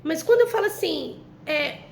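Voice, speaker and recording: A woman's voice: very high-pitched, expressive, normal speed, a little mellow, a little hiss or hum. A young adult woman with a Brazilian Portuguese accent, teaching a recorded literature lesson to ninth graders and often checking in with them through "né?". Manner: chatty, addresses students directly with frequent "né?".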